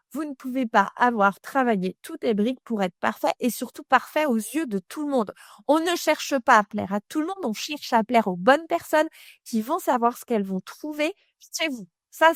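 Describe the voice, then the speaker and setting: A woman walks the listener through employer branding in a casual, direct voice that sits a bit high. She speaks to the listener as "tu", peppering her points with fillers. The sound is dry and close, with no room around it. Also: no echo. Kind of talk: casual expert explainer.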